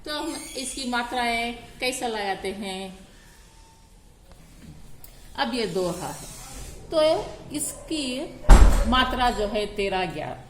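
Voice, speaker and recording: A woman's voice: on the high side, animated, slow, pauses often, echoey room, background noise. A woman teaching a grammar lesson on poetic meter, counting syllables aloud one at a time.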